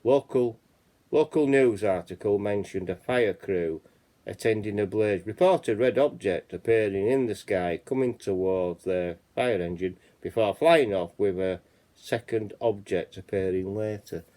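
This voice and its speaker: This man's voice sits on the low side, mellow and unhurried, with a Yorkshire accent. As host of a casual chat channel, he reads out reports and rambles, leaning on the phrase "you know what I mean".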